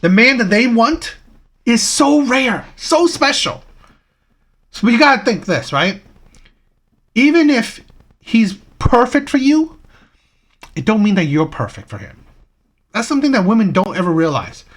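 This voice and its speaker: A man running a reaction channel offers opinionated commentary full of rhetorical questions and repeated "right?" checks. His voice is extremely high, very animated and a bit bright, unhurried, with frequent pauses.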